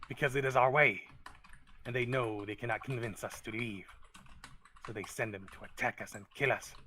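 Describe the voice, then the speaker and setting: A man voicing a suspicious, bitter male kobold guard in a tabletop game, speaking loudly, slowly and accusingly. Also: mid-range voice, natural voice. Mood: hostile. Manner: loud, slow and accusing.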